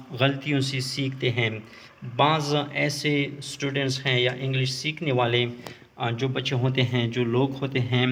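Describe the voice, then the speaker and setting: Man, English teacher, explanatory lesson, repeats slow English phrases. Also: medium pitch, fairly bright tone. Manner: repeats points in Urdu and slow English examples. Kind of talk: explaining English tips in Urdu.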